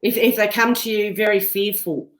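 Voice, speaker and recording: A woman's voice: medium pitch, fairly even intonation, moderate pace, reverberant, low-quality recording. A woman hosting a podcast, chatting and agreeing easily, often ending with tag questions. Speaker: podcast host. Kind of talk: casual interview chat.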